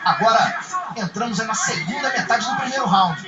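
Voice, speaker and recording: Male Brazilian fight commentator, excitable play-by-play, muffled and echoey sound. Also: extremely high pitch, a little fast. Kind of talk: live play-by-play sports commentary. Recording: muffled echoey broadcast, loud music.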